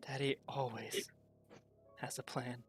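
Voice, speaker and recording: A game master voicing a tiny, frightened kobold child in a soft, shaky voice during a tabletop role-play. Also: mid-range voice, flat delivery, takes it slowly, soft background music, lightly acted. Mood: quiet. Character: tiny frightened kobold boy, shy and hopeful.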